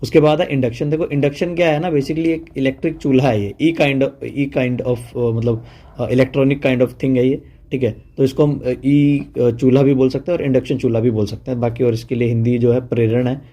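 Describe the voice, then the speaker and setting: A man's voice: mid-range voice, flat delivery, normal speed, dark tone. A man giving a casual online vocabulary lesson, chatty and full of fillers, checking in often with his listeners. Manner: chatty, mixes Hindi and English, says "ठीक है" often. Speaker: teacher.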